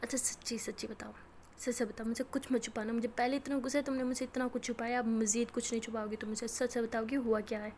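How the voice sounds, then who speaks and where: A woman's voice: fairly high pitch, flat delivery, quick pace, a little mellow, a little hiss or hum, lightly acted. A woman voicing a cheeky young woman who teases and pries at her best friend. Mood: teasing. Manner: teasing, prying.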